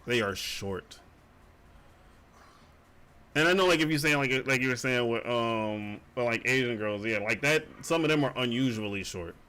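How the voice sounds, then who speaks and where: Bright, chatty young male streamer. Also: medium pitch, normal speed, smooth. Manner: loose, profane storytelling with laughs. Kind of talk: casual livestream chat.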